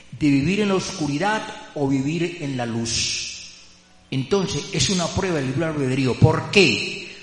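A man giving a rambling, emphatic testimony in a religious class, repeating his phrases as he goes. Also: mid-range voice. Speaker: class participant. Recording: roomy hall with faint hum.

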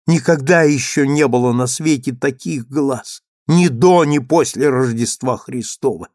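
A man reading an insistent gentleman suitor. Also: mid-range voice, a little slow, dry recording, studio quality, natural voice. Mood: passionate. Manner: pleading, then passionate outbursts.

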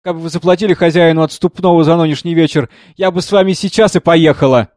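A man voicing a prickly, worn-out young woman who sings with a harp in a tavern, speaking in a shrill, scolding way. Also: fairly even intonation, fast, darkish tone, dry recording, clean studio sound, natural voice. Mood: tired, curt.

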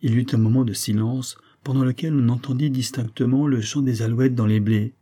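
Husky male audiobook narrator, dark tone, measured reading. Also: medium pitch, steady tone.

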